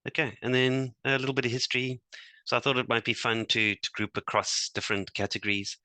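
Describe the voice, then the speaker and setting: A man presenting a software demo to fellow engineers, talking hesitantly with many fillers and restarts. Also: mid-range voice, level tone, a little fast, dry recording. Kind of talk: technical demo talk.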